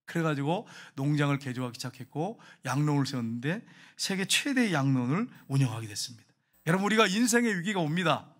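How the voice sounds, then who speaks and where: A middle-aged male pastor delivers a sermon in a high, animated voice. His pitch swings widely as he tells his story and puts questions to the congregation. He builds to dramatic, emphatic peaks. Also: quick pace. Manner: storytelling preacher who asks the congregation questions.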